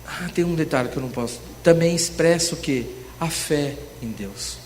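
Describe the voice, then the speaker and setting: A man with a fairly high voice teaches at a church seminar in a sermon style. He keeps checking in with his listeners through rhetorical questions. The sound carries a long church reverb with a faint room ambience behind him. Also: normal speed, a little mellow, a little hiss or hum.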